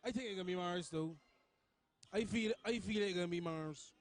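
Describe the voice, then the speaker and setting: High-voiced Barbadian man calling futsal. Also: brisk. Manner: chatty, breaks into excited shouts at chances. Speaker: match commentator. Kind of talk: live futsal commentary.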